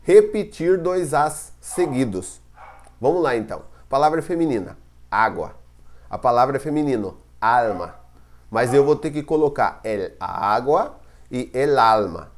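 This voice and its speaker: A man's voice: medium pitch, animated, measured pace. A man with a Brazilian Portuguese accent teaching a recorded grammar lesson, explaining step by step and often checking that the students follow. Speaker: Spanish teacher.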